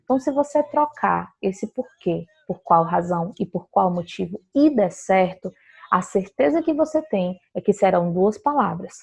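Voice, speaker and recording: A woman's voice: medium pitch, lively intonation, normal speed, vocal fry, husky. A woman teaching a grammar lesson, explaining patiently and often checking in with her students.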